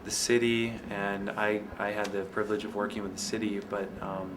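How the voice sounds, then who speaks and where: Flat, low-voiced man with background noise. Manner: measured, halting with frequent fillers. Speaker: downtown business owner. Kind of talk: interview answers.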